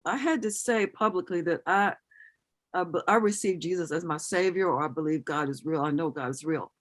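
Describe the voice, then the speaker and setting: Speaking briskly in a lowish voice, a middle-aged woman tells her personal story with earnest sincerity during an interview. As she recounts events, she acts out the conversations from memory.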